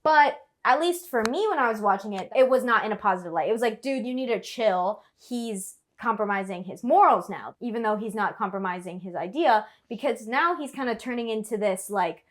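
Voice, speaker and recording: A woman's voice: a little high, expressive, brisk, hardly any pauses, a bit bright. A woman co-hosting a podcast, chatting casually about films with many filler words. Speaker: podcast co-host. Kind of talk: casual film discussion.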